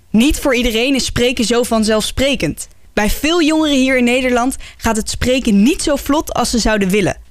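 A woman presenting a short segment and interviewing a guest with clear, curious questions. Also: high-pitched, dry recording. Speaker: host.

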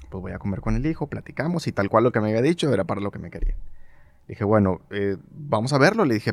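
Low-voiced northern Mexican man telling stories. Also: dry recording. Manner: animated anecdotal storyteller, acts out quoted dialogue, frequent fillers. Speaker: interview guest, broadcast journalist. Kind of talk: casual storytelling interview.

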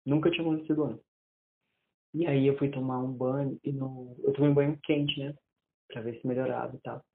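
A man in his twenties telling a personal story in casual conversation, animated and often restarting his sentences. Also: mid-range voice, a little fast, vocal fry. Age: 20s. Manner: animated, acts out quoted dialogue, many restarts. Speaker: interviewee. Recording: tinny phone-like audio.

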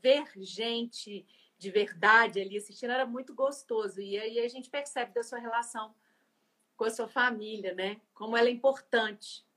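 A woman's voice: a little high, moderate pace, a bit bright. A woman hosting an interview, speaking in a reflective, searching way. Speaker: host. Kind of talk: interview conversation.

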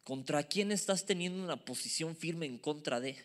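A man preaching a sermon to young people, animated and emphatic, sometimes dropping to a whisper for asides. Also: a little high, moderate pace, long reverb tail. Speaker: youth preacher.

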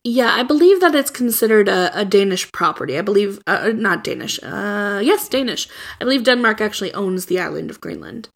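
A woman's voice: mid-range voice, animated, a little fast, vocal fry. A woman co-hosting a casual chat podcast, rambling with many fillers and restarts. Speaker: podcast co-host.

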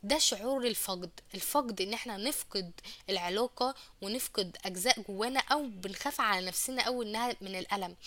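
A woman with an Egyptian Arabic accent hosting a radio advice show, explaining slowly through hesitant fillers and self-corrections. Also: mid-range voice, sharp tone. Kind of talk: relationship advice talk show.

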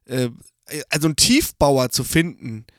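A man's voice: mid-range voice, very animated, moderate pace, no echo, clean studio sound. A man co-hosting a casual podcast, teasing and joking. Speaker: podcast co-host. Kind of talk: casual chat.

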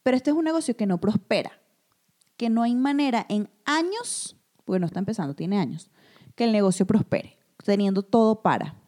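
A woman, co-hosting a casual chat and telling stories with animated energy, who keeps calling her friend comadre. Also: mid-range voice, a little fast. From Venezuela. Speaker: podcast co-host.

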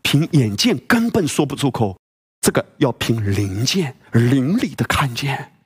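A man's voice: medium pitch, very animated, a little slow, breathy edge. A male pastor preaching a sermon, emphatic and full of rhetorical questions and exclamations.

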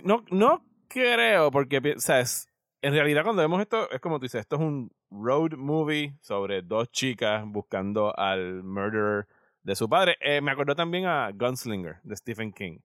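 A man's voice: medium pitch, expressive, normal speed, a bit bright, no room sound, clean studio sound. A man with a Puerto Rican Spanish accent chatting casually as a comics podcast co-host, peppering his Spanish with English words and phrases. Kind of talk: casual chat.

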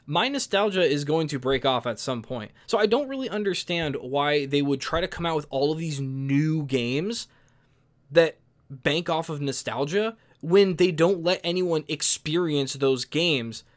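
A man's voice: fairly high pitch, lively intonation, moderate pace. A man in his early twenties, giving casual spoken commentary in an opinionated, exasperated way that is full of restarts and repeated words. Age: young adult.

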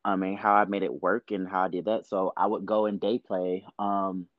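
A man's voice: low-pitched, little pitch movement, normal speed, no room sound, highs cut off. A man from the US South, a podcast guest talking candidly in a chatty, filler-heavy way. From Georgia, US South. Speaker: podcast guest, actor and producer. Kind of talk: casual interview talk.

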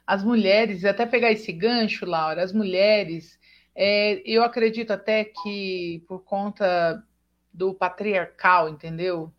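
A woman's voice: mid-range voice, steady tone, slow. A Brazilian woman hosting a casual chat who tells stories animatedly and acts out quoted dialogue. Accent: Brazilian Portuguese. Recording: dull lo-fi sound.

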